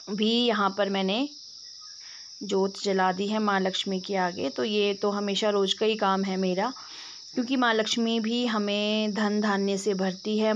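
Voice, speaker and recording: A young woman makes a casual vlog, narrating her voice-over slowly in a devotional tone and speaking loudly and repetitively while explaining a hearing aid to her elderly neighbour. Her voice is mid-range. The lo-fi sound has a little hiss or hum.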